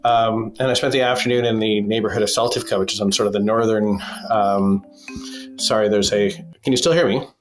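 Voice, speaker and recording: A lower-pitched male correspondent calls in over a phone line from a basement. He talks in a measured way, with frequent "uh"s and restarts. He sounds like a field reporter briefing a studio host. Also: steady tone, faint music behind. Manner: measured, with many fillers and restarts. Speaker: foreign correspondent. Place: basement in a war zone.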